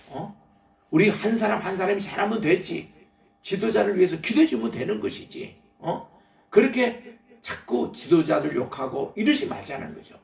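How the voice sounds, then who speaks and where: A man's voice: fairly high pitch, vocal fry, a little mellow. An older man preaching a sermon in a church, folksy and anecdotal, chuckling as he tells stories. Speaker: pastor. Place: church sanctuary. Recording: echoey church from the mic's distance.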